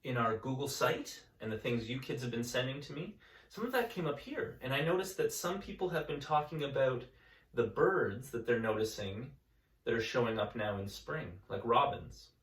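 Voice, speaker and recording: This elementary school teacher, a man, reads a picture book to his class at a moderate pace and medium pitch. His calm, gentle storytelling is broken up by friendly asides to the students.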